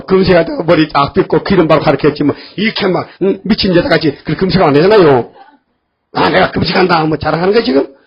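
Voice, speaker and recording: Husky high-voiced older preacher, folksy. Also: male voice. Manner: folksy, scolding, acts out voices of biblical figures. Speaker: pastor. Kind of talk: sermon. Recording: dull lo-fi church recording.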